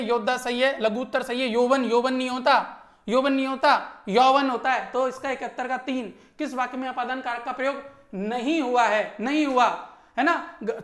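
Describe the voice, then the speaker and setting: A male teacher going briskly through an exam answer key, emphatic and constantly checking in with his students. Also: very high voice, a bit bright, echoey room.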